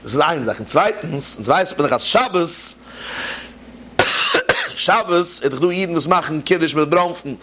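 A man's voice: on the high side, expressive, a little slow, long pauses, pushed and bright, a little hiss or hum. A man giving a religious talk, telling jokes and asking rhetorical questions as he teaches. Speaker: preacher. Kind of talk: Yiddish-style Torah talk with jokes.

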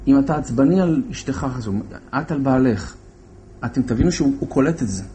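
A man telling a religious story as a sermon in an animated way, acting out the voices of the characters. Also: mid-range voice, slight background noise.

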